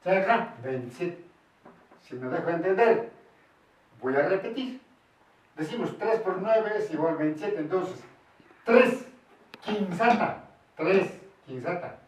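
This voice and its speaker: A man teaching a language lesson, patient and repeating each step slowly, mixing Quechua and Spanish. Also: high voice, lively intonation, a little mellow. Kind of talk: bilingual classroom lesson. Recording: very echoey room, voice from far off.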